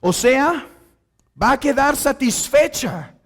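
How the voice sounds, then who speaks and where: A man's voice: very high-pitched, animated, slow pace, fairly bright tone. A man preaching an expository sermon, calling the congregation brothers and acting out the dialogue of the passage. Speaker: pastor.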